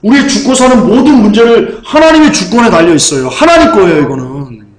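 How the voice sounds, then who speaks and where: A male pastor delivers a fervent sermon in a high voice. He swings widely in pitch and keeps firing questions at the congregation. The sound carries through an echoey church hall. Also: very animated, a little fast, crowd noise.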